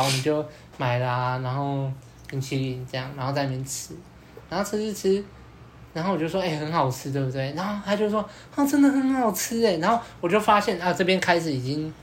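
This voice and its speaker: A man, hosting a podcast and telling a story in a casual, animated way, acting out both sides of the dialogue with many fillers. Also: fairly high pitch, brisk, slight background noise. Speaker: podcast host.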